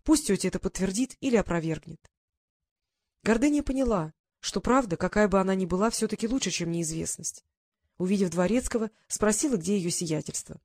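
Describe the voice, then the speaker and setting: A woman narrating a romance novel audiobook in calm, even storytelling. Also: mid-range voice, a little fast, dry recording, clean studio sound.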